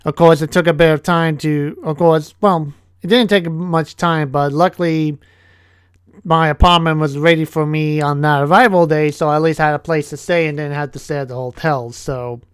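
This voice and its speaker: A young man telling a casual vlog story about his year, halting often and restarting his sentences. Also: fairly high pitch, fairly even intonation, smooth, no echo, studio quality. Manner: halting, with many restarts and fillers. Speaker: vlogger, English teacher.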